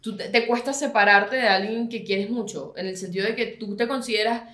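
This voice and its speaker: A woman with a Venezuelan accent co-hosting a podcast, chatting casually in an animated way, swearing freely and laughing as she tells stories. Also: mid-range voice, brisk, echoey room. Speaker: podcast co-host. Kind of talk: casual chat.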